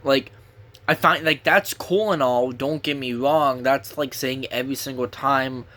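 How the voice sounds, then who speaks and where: A young man talks through a casual movie review with a sore throat. His voice sits at an ordinary middle pitch. He rambles, restarts his sentences and swears in passing. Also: unhurried, pushed and bright.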